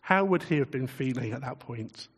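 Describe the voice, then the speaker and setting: A man preaching a sermon in a relaxed, conversational way, chuckling often and putting questions to his listeners. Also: medium pitch, moderate pace, breathy edge, big-room sound.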